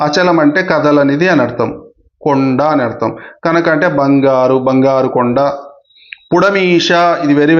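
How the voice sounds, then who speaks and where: A man's voice: fairly high pitch, muffled recording. A man teaching an exam-prep grammar lesson, repeating key points and checking in with listeners often. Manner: repetitive, asks "okay?" often.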